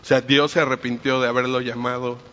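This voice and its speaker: A man's voice: medium pitch, flat delivery, a little fast, a bit bright. A man preaching a conversational sermon, retelling scripture in everyday, storytelling speech. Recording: reverberant hall, dull lo-fi sound.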